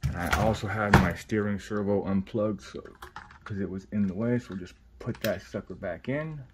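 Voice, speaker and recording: A man's voice: fairly low pitch, normal speed, background noise. A man giving a casual, informal step-by-step how-to, his speech slightly muffled by a face swollen after surgery. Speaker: RC hobbyist host. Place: indoor hobby workbench.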